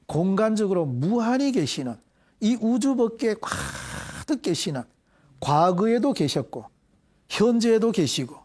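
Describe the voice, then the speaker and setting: A middle-aged man leading a Buddhist prayer and explaining scripture terms to a class in a deliberate, measured way. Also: high-pitched, very animated, darkish tone. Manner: deliberate, measured, leads call-and-response repetition. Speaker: Buddhist dharma teacher. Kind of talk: devotional prayer and explanatory dharma lecture.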